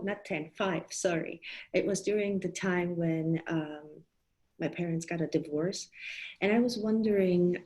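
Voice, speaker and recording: Lower-voiced woman in her thirties, presenting. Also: mellow, rough recording. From Germany. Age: 30s. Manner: thoughtful, frequent fillers and restarts. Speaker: parenting coach. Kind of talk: online presentation to fellow coaches.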